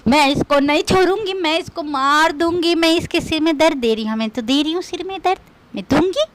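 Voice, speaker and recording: A woman's voice: sits high, fairly quick. A woman doing a comic rant in a scolding, mocking, quarrelsome way. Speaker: comedian.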